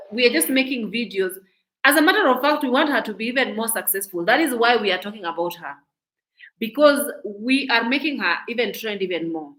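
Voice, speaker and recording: A woman's voice: fairly high pitch, a bit bright, rough recording. A Kenyan woman giving outspoken, indignant reaction commentary as a vlogger, often restarting her sentences.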